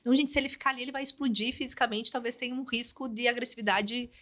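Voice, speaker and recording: Woman, Brazilian accent, high bright voice; therapist guest giving lively advice. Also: very fast. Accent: Brazilian Portuguese. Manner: animated, explanatory, speaks in advice. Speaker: psychologist and couples therapist guest. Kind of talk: podcast conversation.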